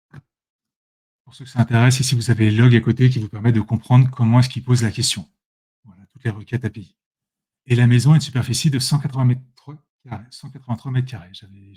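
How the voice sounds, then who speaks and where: A man with a medium-pitched, dark voice demonstrates software in a casual live screen-share tutorial. He talks to his viewers directly through a computer mic, chatty and prone to correcting himself.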